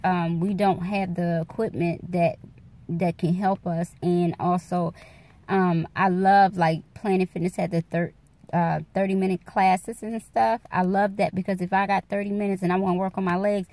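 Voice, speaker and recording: A woman in her forties chats loosely into a phone held close, her voice sitting a little low. She rambles from thought to thought in a relaxed, candid way, talking straight to her followers. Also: moderate pace. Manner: rambling, candid, addresses viewers as y'all. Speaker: vlogger. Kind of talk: casual chat to camera. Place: dark room at night. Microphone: phone camera held close.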